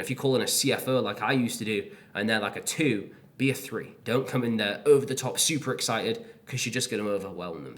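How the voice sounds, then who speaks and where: A man explains sales techniques in a plain, casual teaching style. His voice sits a little low, and he speaks brisk and matter-of-fact with deliberate pauses. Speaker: sales coach. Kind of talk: instructional talk to camera.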